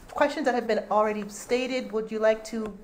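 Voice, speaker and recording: Halting woman moderating an online panel. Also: on the high side, steady tone. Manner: halting, many restarts. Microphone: video call. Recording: echoey room, faint noise.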